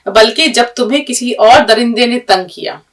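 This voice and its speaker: A woman's voice: fairly high pitch, normal speed, noisy background, close to an everyday voice. A woman voicing a trapped wolf who humbly begs a mouse for help, read out in a storybook tale. She is recorded from a distance. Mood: pleading. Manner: pleading, flattering.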